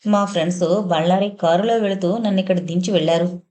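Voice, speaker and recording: A woman's voice: lowish voice, fairly even intonation, brisk, warm tone, lightly acted. A woman voicing a polite, poised young woman who apologizes and teases. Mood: apologetic.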